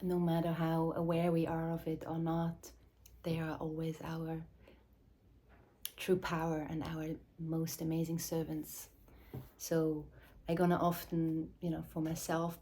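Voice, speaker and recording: Soft-spoken woman, low and flat. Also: slight background noise. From Switzerland. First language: Swiss German or Dutch. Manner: slow and searching, with pauses and restarts, drifting into soft whispers. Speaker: mother and movement teacher. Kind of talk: reflective spoken address to camera.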